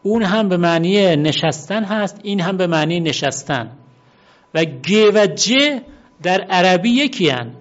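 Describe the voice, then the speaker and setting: A man giving an unhurried, explanatory talk on word origins, often pausing to repeat and spell out words. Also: high voice. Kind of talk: explanatory monologue. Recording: dull lo-fi recording.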